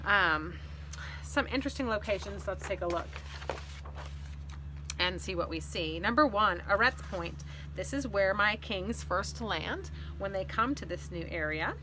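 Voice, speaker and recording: With a medium-pitched voice and lively intonation, a woman aged roughly thirty to forty-nine speaks unhurriedly to her audience. She's a fantasy author hosting her own video, casually and expressively explaining things. Faint ambient noise can be heard.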